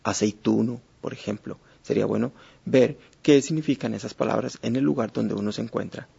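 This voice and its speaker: A man teaching a lesson, speaking in a measured way with many hesitations and fillers. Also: mid-range voice, gravelly, mellow, slightly rough. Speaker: Spanish teacher. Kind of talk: explanatory lesson. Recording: dull lo-fi recording.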